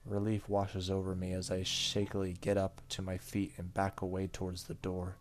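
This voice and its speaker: A gaming YouTuber plays a horror game, dramatically reading its story text aloud and tossing in casual comments over game music. His deep voice stays monotone at a moderate pace.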